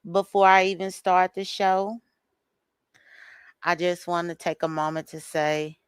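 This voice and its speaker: A woman's voice: on the low side, steady tone, unhurried, smooth, dry recording, studio quality. A woman hosting a live stream in casual commentary, greeting viewers by name and making emphatic, exasperated asides.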